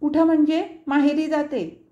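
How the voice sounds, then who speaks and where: A woman voicing a proud, quick-tempered young wife who answers back sharply. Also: high-pitched, fairly even intonation, muffled recording, voice pushed up. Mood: curt. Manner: sharp, indignant retorts.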